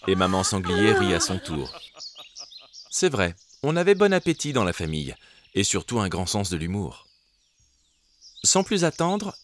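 A man narrating a children's storybook in a gentle, expressive way. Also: lowish voice, a little hiss or hum.

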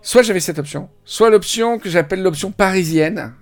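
A man hosting a podcast, chatting casually and telling an animated story, imitating how place names are pronounced. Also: high voice, normal speed. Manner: animated storytelling, mimics pronunciations. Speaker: podcast host. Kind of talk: casual chat.

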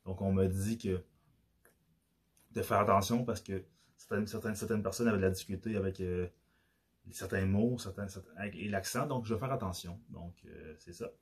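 A man with a Québécois accent talks straight to his listeners in a loose podcast monologue. His voice is low and a little husky. He often stumbles and restarts his sentences. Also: moderate pace. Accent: Québécois French. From Quebec. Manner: hesitant, many restarts and filler words. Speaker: podcast host.

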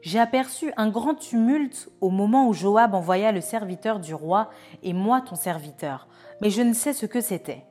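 A woman's voice: mid-range voice, expressive, moderate pace, mellow, soft background music, natural voice. A woman voicing an eager young male messenger who pleads to run with the news.

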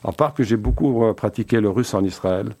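A man in his seventies who founded a company and was born in Belgium answers career questions in a relaxed interview. His voice is fairly low and dark, and he talks a little fast while frequently hesitating and restarting.

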